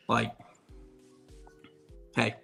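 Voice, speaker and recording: A man co-hosting a live golf show, blunt and joking, swearing offhand. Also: pushed and bright. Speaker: co-host. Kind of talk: casual live show chat.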